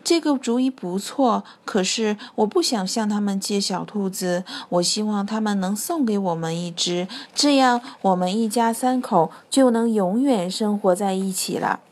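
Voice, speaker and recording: A woman voicing a gentle mother rabbit in a children's story, speaking softly. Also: mid-range voice, moderate pace, hardly any pauses, lightly acted. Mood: hopeful. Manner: soft and sorrowful.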